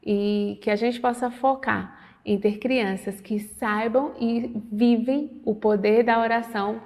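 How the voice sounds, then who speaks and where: Gravelly-voiced woman teaching in an echoing room. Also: on the high side, takes it slowly. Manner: animated, re-enacts dialogue, earnest devotional tone. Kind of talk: lesson with personal storytelling.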